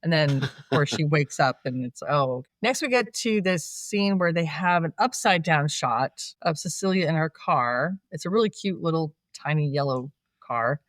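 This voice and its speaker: A podcast co-host in casual chat, recapping a film plot with frequent laughs and animated asides. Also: mid-range voice, normal speed, hardly any pauses, no echo, clean studio sound.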